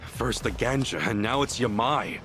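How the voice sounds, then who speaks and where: A man's voice: medium pitch, a little slow, fairly bright tone, a little hiss or hum, lightly acted. A man playing a loyal, scrappy, protective yakuza hero in a video game, speaking bluntly and emphatically. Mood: alarmed.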